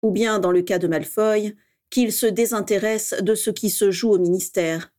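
A woman doing a calm elderly headmaster. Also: medium pitch, close to an everyday voice. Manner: peaceful, measured.

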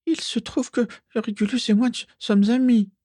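A man voicing a timid ghost schoolgirl with a squeaky voice in an audiobook reading. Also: fairly even intonation, moderate pace, dark tone, no room sound, studio quality. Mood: insistent. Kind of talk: audiobook character voice.

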